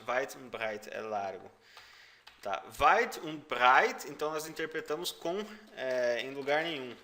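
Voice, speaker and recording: A man with a Brazilian Portuguese accent gives a language lesson at an unhurried pace. His voice is bright and sits a little high, and he repeats phrases patiently, saying the foreign words louder. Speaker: German teacher. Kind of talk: language lesson explaining song lyrics.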